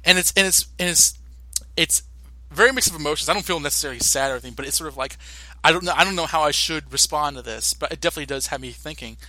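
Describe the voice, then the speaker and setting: Bright, animated young man chatting. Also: fairly high pitch, dry recording. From United States. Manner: animated, halting with many restarts and fillers. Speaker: podcast co-host. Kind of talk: casual podcast chat.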